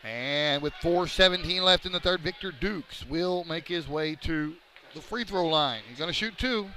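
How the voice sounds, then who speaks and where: A man giving live play-by-play of a high school basketball game, joking between plays. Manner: rapid excited calls that rise on big plays, joking banter in lulls. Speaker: play-by-play announcer. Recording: noisy gym ambience.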